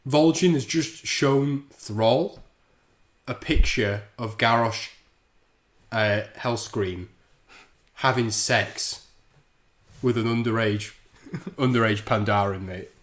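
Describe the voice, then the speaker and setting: A man's voice: medium pitch, slow pace, a bit bright, reverberant. A man hosting a livestream, bantering crudely and laughing while drinking. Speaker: livestream host. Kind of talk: casual chat.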